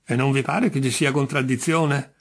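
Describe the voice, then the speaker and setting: A man's voice: mid-range voice, fairly even intonation, moderate pace, lightly acted. Patient, puzzled judge, voiced by a man reading. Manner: patient, mildly coaxing. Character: patient, bemused middle-aged male judge.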